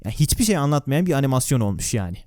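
Speaking rapid-fire and very animated, a man with a mid-range voice narrates a video, though a noisy background comes through. He's close on a dry voice-over mic, delivering a scripted but casual script with wry, sarcastic asides and viewer questions.

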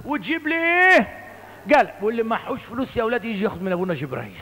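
A kindly old Upper Egyptian village priest, as a preacher puts him on, fatherly and coaxing. The voice rides well above the speaker's own in a high, sing-song lilt. It rings through a reverberant church hall. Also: big pitch swings, very fast, bright, forceful tone, exaggerated voice. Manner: fatherly, calls listener "my boy".

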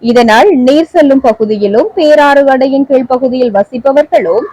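A woman with a Sri Lankan Tamil accent reads the evening news in a steady, formal manner. Her voice is high yet mellow in tone. The recording is close and dry. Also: no echo, poor audio. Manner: steady, measured, formal delivery. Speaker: newsreader.

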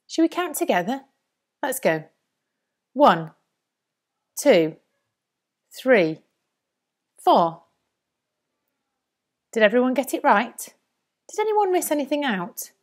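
A primary school maths teacher presents a scripted lesson for young children in a singsong manner. Her high-pitched voice swings widely in pitch at a moderate pace.

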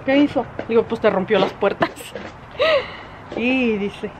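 A woman's voice: measured pace, heavy background noise. Chatty exasperated woman vlogger. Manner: chatty and exasperated, scolding a dog in sharp high bursts. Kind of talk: casual vlog chat. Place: at home, indoors and outdoors.

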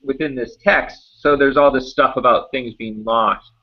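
A man's voice: mid-range voice, steady tone, unhurried. A man co-hosting a casual puzzle podcast, talking in a loose, easygoing way with trailing phrases. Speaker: podcast co-host. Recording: dull lo-fi podcast audio.

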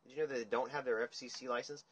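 A young man hosting a casual livestream chat, ranting in a rambling, profane, animated way. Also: mid-range voice, racing, husky. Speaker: livestream host. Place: dim room indoors. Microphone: phone camera at table.

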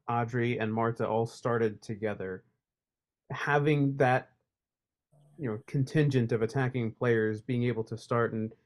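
Brief: male sports reporter, mid-pitch voice, loose and rambling question. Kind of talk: press conference question.

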